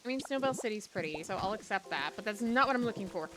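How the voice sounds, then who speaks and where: A woman in her thirties streaming a video game live, chatting to viewers in an excitable, exclamatory way. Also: medium pitch, quick pace. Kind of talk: live gameplay stream chat.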